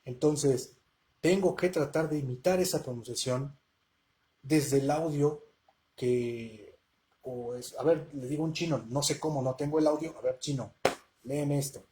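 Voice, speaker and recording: A man's voice: fairly high pitch, unhurried, warm tone, slight background noise. Chatty man teaching languages. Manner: conversational, checks in with rhetorical questions. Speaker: language teacher hosting a live Q&A. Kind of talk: casual live-stream lesson.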